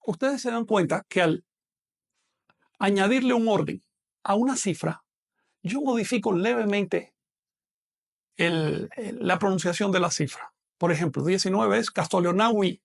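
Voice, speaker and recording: A man's voice: high voice, unhurried, gravelly, pauses often. A man teaching a math class online, explaining patiently and quizzing a student as he goes.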